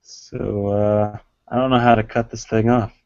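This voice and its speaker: A man joining a casual video call as a guest, making dry, low-key remarks. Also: level tone, a little slow, a little mellow, clear, resonant tone, no room sound, lo-fi sound. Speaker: guest, fellow cast member.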